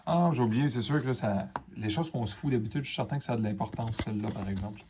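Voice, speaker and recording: This host of a card-opening video, speaking with a Quebec French accent, rambles casually to the camera with fillers and asides as he opens each card and reacts. He talks fast in a lowish voice over a noisy background.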